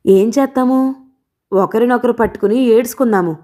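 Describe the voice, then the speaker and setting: A woman's voice: a little high, moderate pace, mellow, pitched above the performer's own voice, natural voice. A woman voicing an angry village father who speaks with sarcasm and heat. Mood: bitter. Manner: sarcastic, heated.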